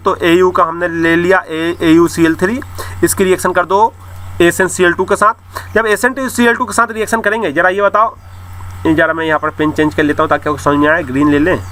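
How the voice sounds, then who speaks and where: A man's voice: high-pitched, sharp tone. A male chemistry teacher, giving an online class lecture, explaining step by step and talking straight to his students with many repetitions.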